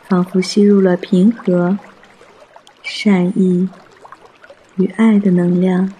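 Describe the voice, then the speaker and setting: A man guiding a mindfulness meditation in a soft, hushed, breathy voice, gentle and soothing, with long pauses. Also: sits high, flat delivery. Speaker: meditation guide.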